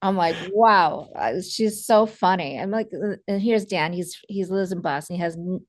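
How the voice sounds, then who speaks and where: A woman photographer co-hosting a casual podcast, chatty and lively as she retells events. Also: on the low side, normal speed, no echo.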